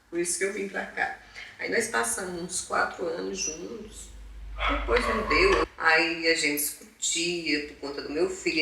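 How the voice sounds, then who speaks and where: A woman from northeastern Brazil recounts her life for a documentary, playing out old conversations as she goes. Her voice is bright and forward. It sounds far from the mic in a very echoey room. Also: lowish voice, vocal fry. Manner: lively storyteller who acts out past conversations. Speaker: interviewed mother. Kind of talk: documentary interview storytelling.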